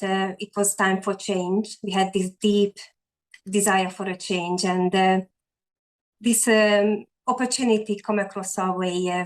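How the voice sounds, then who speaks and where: Guesting on a video call, a Hungarian online entrepreneur in her forties shares her story with earnest sincerity in a casual interview chat. She has a mid-range voice and a Hungarian accent, and stops and restarts often amid many fillers; the recording quality is low.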